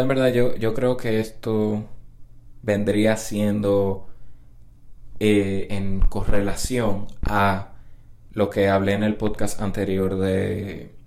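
A man's voice: on the low side, creaky, a little mellow, a little hiss or hum. A man hosting a casual solo podcast, rambling and often restarting and correcting himself. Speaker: podcast host.

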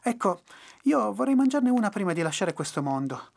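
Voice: mid-range voice, very animated, moderate pace, gravelly, darkish tone, pitched above the performer's own voice. A storyteller voicing Jack, a cunning, scheming old man who talks in a wheedling, pleading way. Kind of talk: storybook reading.

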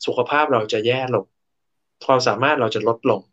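A man's voice: mid-range voice, brisk, fairly bright tone, dull audio. A man giving a casual talk about workplace motivation. He explains step by step, tells stories from his own work life, and often restarts his words. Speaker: co-host and speaker.

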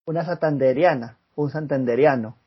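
A man's voice: a little high, moderate pace, slightly rough, lo-fi sound. A man co-hosting a podcast, chatting casually and laughing often. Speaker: podcast co-host. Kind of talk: casual chat.

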